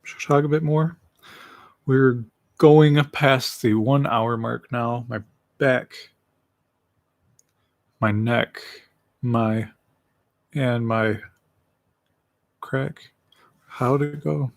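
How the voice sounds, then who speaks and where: A man in his late twenties with a slight lisp hosts a casual solo livestream, rambling and making self-deprecating jokes while eating. His voice is medium-pitched, steady and gravelly, very slow with frequent pauses, and there is no room sound.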